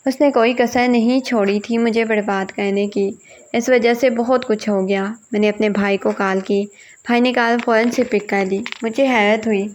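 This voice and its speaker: A woman's voice: a little high, slight background noise. A woman reading a first-person family drama aloud, voicing every character in her own voice. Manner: reads all parts in one voice, quoting family members plainly. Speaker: story narrator. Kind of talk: first-person storybook narration.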